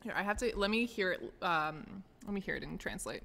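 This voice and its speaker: An American woman chatting on a live stream from an office. She laughs often and pokes fun at herself, and her voice sits at a middle pitch for a woman. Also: expressive, a little fast, gravelly, pushed and bright, big-room sound, faint music behind. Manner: laughs often, self-deprecating. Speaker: streamer host. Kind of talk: casual live-stream chat.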